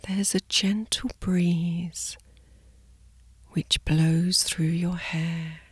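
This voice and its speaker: A woman guiding a sleep meditation in a soft, soothing spa-like whisper, gently and in short, unhurried phrases. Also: on the low side, fairly even intonation, husky, dry recording. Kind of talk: guided sleep meditation narration.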